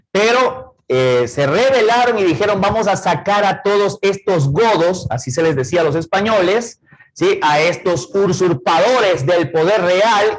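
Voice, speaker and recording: A man's voice: high voice, poor audio. A middle-aged man with an Ecuadorian accent teaching a verbal reasoning lesson, explaining words step by step and checking in with rhetorical questions. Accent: Ecuadorian Spanish.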